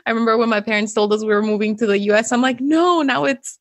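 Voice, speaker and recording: A woman's voice: a little high, fast talker, no echo. Dry-sounding Venezuelan-born woman guest. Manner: friendly, laughs often, explains clearly. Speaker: guest, web developer. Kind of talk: casual interview. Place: home room. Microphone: close studio mic with pop filter.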